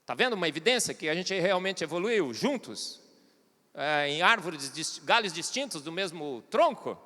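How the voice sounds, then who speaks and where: A man's voice: fairly high pitch, very animated, moderate pace, sharp tone. A man with a Brazilian Portuguese accent giving a humorous, irreverent conference talk in a church, addressing the audience directly. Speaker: conference speaker. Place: large church hall. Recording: long hall reverb.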